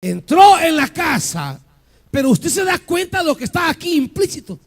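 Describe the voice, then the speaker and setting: High-voiced impassioned preacher man. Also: sing-song, moderate pace. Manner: impassioned preaching with rhetorical questions and shouted peaks. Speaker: pastor. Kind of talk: sermon.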